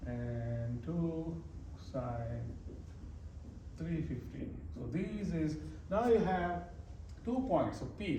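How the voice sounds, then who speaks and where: This male math teacher has a fairly high voice and sounds distant, with a roomy echo and faint noise from a far-off mic. He gives an informal worked-example lesson, explaining each step as he writes and repeating phrases.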